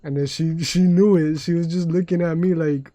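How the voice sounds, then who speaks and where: A man's voice: on the high side, steady tone, moderate pace, mellow, no echo. A young man from New York chatting casually and telling rambling, profane stories while streaming a game. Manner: profane, rambling, jokey storytelling. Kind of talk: casual live-stream chat while gaming.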